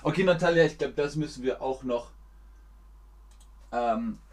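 A man's voice: medium pitch, unhurried. A man teaching German in a livestream lesson, speaking in simple, repetitive sentences for learners.

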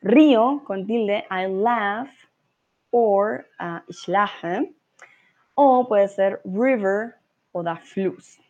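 A woman from Colombia with a Colombian accent leads a live online Spanish lesson. She speaks slowly and patiently in a mid-pitched voice, encouraging her students and slipping into English and German to explain. The audio is a little dull and lo-fi. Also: a little mellow. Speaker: Spanish teacher.

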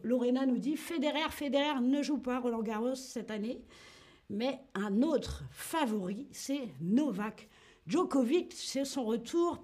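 A high-voiced woman leads a live online French lesson. She keeps it lively, acts out tennis strokes with short grunts, and turns to greet and answer viewers in the chat by name. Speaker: French teacher.

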